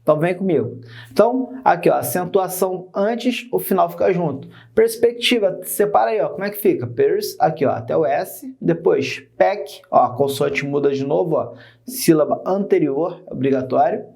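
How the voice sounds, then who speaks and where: A young Brazilian man teaches a grammar lesson in a playful, chatty way, often calling the viewer "son." His voice sits high for a man, with a gravelly, creaky edge. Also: lively intonation, brisk, darkish tone. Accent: Brazilian Portuguese. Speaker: Portuguese teacher. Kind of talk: energetic video lesson.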